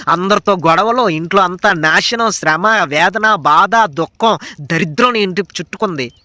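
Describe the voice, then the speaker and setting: A male pastor with a Telugu accent preaching in a high, bright, sharp voice. He swings from loud cries down to hushed asides. The recording is dry and close, with no room sound. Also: dry recording. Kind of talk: sermon.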